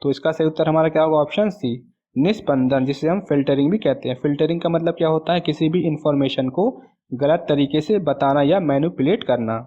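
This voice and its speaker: A male exam tutor working through answers. He asks a question and answers it himself, mixes in English terms, and reads the English question text slowly. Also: a little high, mellow. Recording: dull lo-fi audio.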